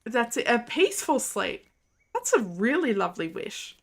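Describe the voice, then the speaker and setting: A woman's voice: a little high, very animated, normal speed. A young woman streaming a game and chatting casually with viewers, rambling with lots of fillers and laughs. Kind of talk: casual live-stream chat.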